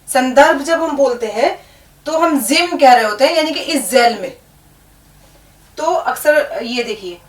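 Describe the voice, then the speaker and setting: A woman's voice: high voice, a bit bright. A woman teaching an Urdu lesson, patiently spelling words out letter by letter. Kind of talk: language lesson. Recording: echoey room, distant mic.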